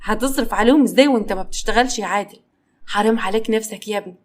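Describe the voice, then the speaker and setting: A woman's voice: mid-range voice, very fast, natural voice. A woman with an Egyptian accent voicing a man's friend who talks to him bluntly and scolds him. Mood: scolding.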